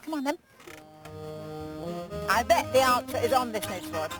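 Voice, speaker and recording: A woman with a high voice presents chattily on location. Her pitch moves up and down a lot, and loud music sits with the recording. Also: animated, normal speed.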